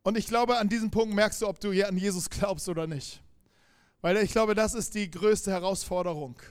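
High-voiced emphatic German preacher man. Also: steady tone, moderate pace, smooth. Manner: emphatic, growing quiet and intense. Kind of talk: sermon.

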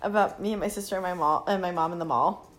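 A woman's voice: fairly low pitch, fast talker, a crowd in the background. A young woman co-hosting a podcast, telling a childhood story in casual chat, giggling and acting out voices. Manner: giggly, animated, acts out voices in her stories. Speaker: podcast co-host.

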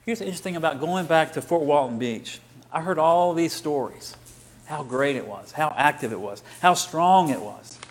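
A middle-aged man, a pastor telling a personal story in a conversational sermon, quoting other people in lively bursts. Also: fairly high pitch, normal speed.

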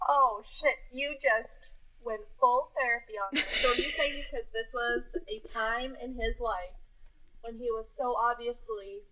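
A woman co-hosting a podcast in casual chat, blunt and quick to swear, laughing often. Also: a little high, steady tone, sharp tone, poor audio. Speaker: podcast co-host.

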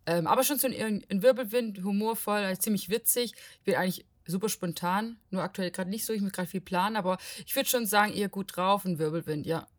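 A talkative young woman from Portugal chats as a podcast guest, lively and quick to laugh. Her voice sits in a middle pitch and is recorded close and dry, with no room sound. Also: no room sound. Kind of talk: casual chat.

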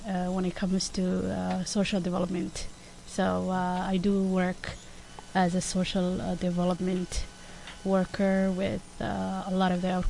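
A woman in her thirties, from Somalia, a social development worker, speaking haltingly with many fillers as an interview guest. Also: on the low side, vocal fry, darkish tone, slight background noise, poor audio.

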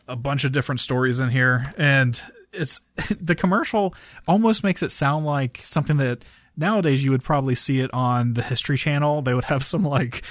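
A man hosting a casual chat, halting and often repeating words as he searches for the next. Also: medium pitch, no room sound, studio quality. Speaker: show host.

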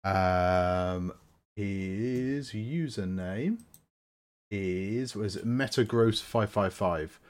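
Low-voiced man chatting with restarts. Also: drawn-out words. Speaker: podcast co-host. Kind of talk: casual chat.

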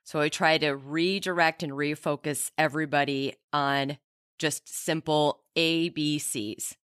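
Low-voiced methodical female ER doctor. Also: fairly even intonation, unhurried, a bit bright, clear, resonant tone, no room sound, studio quality. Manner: methodical, lists steps in order. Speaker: emergency physician panelist. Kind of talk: panel discussion.

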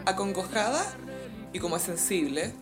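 A young Chilean woman co-hosting a podcast in casual chat, retelling a scene with lively asides and quoted voices. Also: mid-range voice, a little fast, over music. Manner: animated storytelling, quotes characters in put-on voices. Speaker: podcast co-host.

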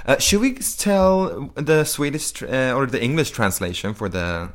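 A man's voice: mid-range voice, animated, normal speed. A man co-hosting a podcast, chatting casually with many ums and the odd swear word. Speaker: podcast co-host.

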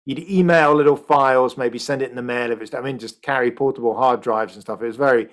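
A man answering interview questions in a brisk, explanatory way on a video call. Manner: brisk, explanatory, lively pitch. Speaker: economist guest.

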